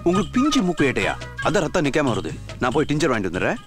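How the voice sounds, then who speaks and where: An impatient young constable who talks back bluntly. He speaks at a breakneck pace, his pitch leaping around, with faint music behind him. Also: huge pitch swings, rapid-fire. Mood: brash. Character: brash young male police constable. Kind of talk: film comedy acting.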